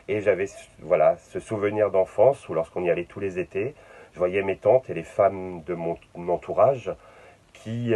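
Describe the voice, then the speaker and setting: Deep, dark-voiced hesitant man. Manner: hesitant, many fillers and repeated words. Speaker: visual artist. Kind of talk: unscripted interview in his studio. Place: his art studio.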